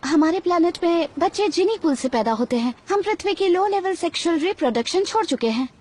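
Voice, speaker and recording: A woman's voice: very high-pitched, animated, a little fast, darkish tone. A woman dubbing a naive, literal alien girl. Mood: earnest. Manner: formal, oddly literal phrasing. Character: naive young female alien, literal and cheerful. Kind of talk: Hindi dub of a series.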